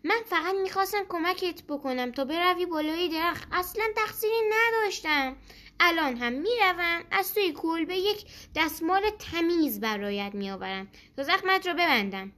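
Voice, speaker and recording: A woman's voice: extremely high pitch, animated, bright, forceful tone, voice pushed up, heavily acted. A woman doing a kind young rooster. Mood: defensive.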